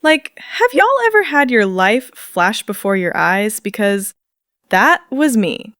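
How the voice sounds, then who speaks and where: A young woman tells a storytime vlog in a chatty, dramatic way, often breaking into giggles and slang aimed at her viewers. Her voice has an ordinary middle pitch. The sound is dry and close, with no room echo. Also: big pitch swings, slow pace, a bit bright. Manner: slangy, addresses viewers directly. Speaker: storytime narrator.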